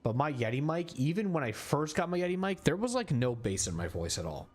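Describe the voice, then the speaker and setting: A slightly high, sing-song voice comes from a young man chatting a little fast into his desk mic while streaming a video game. His casual gameplay commentary wanders and is packed with filler words.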